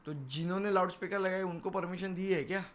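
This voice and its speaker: Quick-paced and fairly even in intonation, a high-voiced man answers a television news interviewer with assertive defiance and emphatic repetition. He is a political party leader and spokesman, recorded on location amid noise and background ambience.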